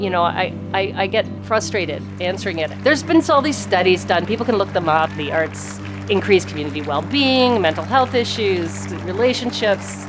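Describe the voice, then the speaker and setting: A woman's voice: mid-range voice, low-quality recording. A woman giving emphatic, argumentative answers as a performing artist in a documentary interview.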